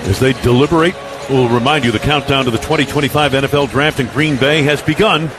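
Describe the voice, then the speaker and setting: A man with a medium-pitched voice calls live football play-by-play for radio, talking fast over music. His clipped, punchy phrases build excitement on each play, and a noisy stadium broadcast feed runs beneath him.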